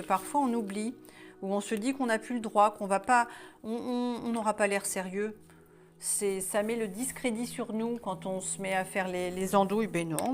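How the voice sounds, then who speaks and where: Woman, wellness coach, casual guided exercise, rambling and hesitant, quiet music underneath. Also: medium pitch. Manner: chatty and hesitant, many restarts.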